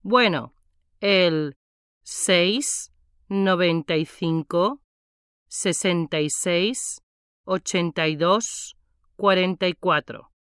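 A woman's voice: lowish voice, drawn-out words, pauses often, a bit bright, clear, resonant tone, dry recording, clean studio sound. A woman playing a cheerful nineteen-year-old in a scripted language-exam dialogue, carefully enunciating. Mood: casual.

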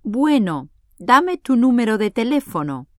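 An actress playing Carmen, a sociable young woman of nineteen, in a scripted exam dialogue, speaking clearly and carefully. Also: fairly high pitch, very animated, darkish tone, dry recording. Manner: clear, careful delivery, numbers read slowly. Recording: dry studio recording.

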